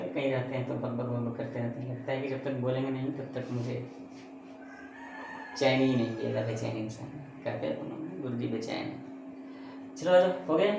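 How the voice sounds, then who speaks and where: A man's voice: medium pitch, background noise. A man teaching a math lesson who asks and answers his own questions, with chatty, joking asides. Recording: very echoey room.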